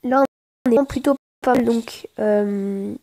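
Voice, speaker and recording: Casting: female gamer, higher-pitched yet soft-toned, casual play-by-play, slangy grumbler who repeats herself while thinking. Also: slow pace. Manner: informal slangy speech, often swearing in frustration; hesitant, repeats phrases while thinking aloud. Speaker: gaming video creator. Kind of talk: casual live gameplay commentary.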